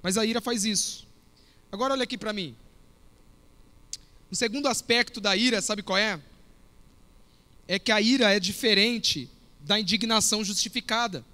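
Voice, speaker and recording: A youth pastor preaching with a high, bright, forceful voice. He talks casually and tells stories, speaking straight to the young people in front of him. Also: normal speed, long pauses. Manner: storytelling, conversational, addresses audience directly. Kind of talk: sermon.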